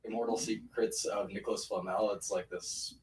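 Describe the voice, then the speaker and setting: A man's voice: fairly low pitch, steady tone, moderate pace, a little hiss or hum, rough recording. A man speaking as a guest artist, casually and a little hesitantly explaining his work. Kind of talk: casual explanation of own artwork.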